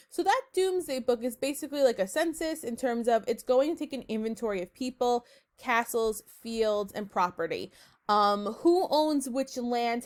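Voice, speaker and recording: Chatty upbeat woman teacher. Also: fairly high pitch. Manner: chatty, upbeat, filler-heavy, addresses students as friends. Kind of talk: casual recorded online lesson.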